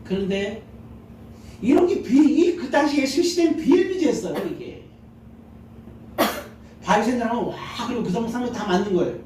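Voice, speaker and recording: With an extremely high yet darkish voice, a male pastor delivers a Sunday sermon animatedly at a moderate pace, pausing often, acting out little scenes and questioning the congregation. He's in a large church sanctuary, his handheld mic heard from a distance in a very echoey hall with slight background noise.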